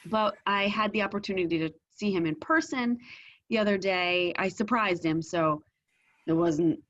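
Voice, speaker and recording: Candid woman telling a story, lo-fi sound. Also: medium pitch. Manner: candid, halting storytelling with soft laughs. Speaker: qigong student. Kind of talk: group class sharing.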